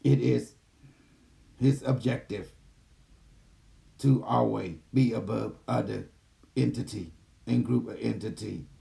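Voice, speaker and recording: A man voicing a gentle, calm male care robot that speaks in soft, low, clipped system announcements over a video call. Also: slow pace, creaky, long pauses. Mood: calm, mechanical. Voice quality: soft, low, even machine-like delivery. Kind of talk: channeling a machine entity on a video call.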